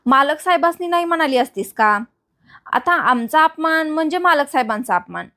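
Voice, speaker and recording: A woman's voice: high-pitched, lively intonation, normal speed, bright, forceful tone, full character voice. A woman voicing a scheming young man in a retold serial, pushy and insistent. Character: scheming young man, a factory owner's brother.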